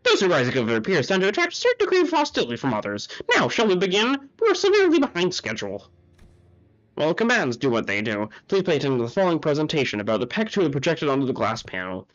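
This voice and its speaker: A man's voice: fairly high pitch, huge pitch swings, fast talker, fairly bright tone. A man voicing a cold, condescending male researcher who talks in a formal, lecturing way, heard on muffled audio with faint game music.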